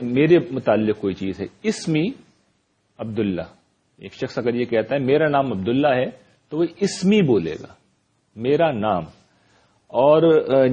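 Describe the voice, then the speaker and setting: A man teaching an Arabic grammar lesson, explaining step by step and reciting verb forms and verses slowly. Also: mid-range voice, mellow, slightly rough, highs cut off. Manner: checks in with "right?". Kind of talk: classroom lecture.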